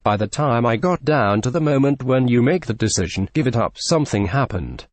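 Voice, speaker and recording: A man narrating a scripted entertainment news report in a steady, even read. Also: mid-range voice, fairly quick, dry recording.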